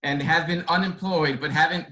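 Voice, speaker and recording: On a video call, this Boston man, a native Spanish speaker working as a care resource coordinator, takes a question from a webinar panel. His reply is sincere and thoughtful, unfolding in long, meandering sentences. He sounds a little high and sharp, with fairly even intonation at a normal speed.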